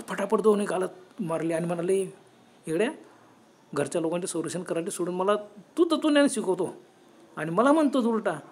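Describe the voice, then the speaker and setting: A man with a Marathi accent narrating a horror story, lively and acting out the people he quotes. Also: sits high, slightly rough. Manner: animated, acts out quoted voices.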